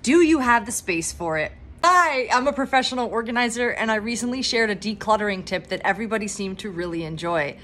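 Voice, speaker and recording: A woman's voice: on the high side, expressive, a little fast, few pauses, a bit bright. A woman in her thirties from Pennsylvania with a Philadelphia accent, a professional organizer giving an upbeat, encouraging talk to camera with self-deprecating asides. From Pennsylvania, USA. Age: 30s.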